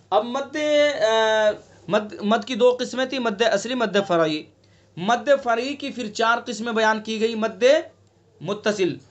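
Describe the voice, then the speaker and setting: High-voiced man teaching recitation online. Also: fairly bright tone, lo-fi sound. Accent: Delhi Urdu. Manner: explains patiently, asks students questions, demonstrates drawn-out recitation. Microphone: online class call.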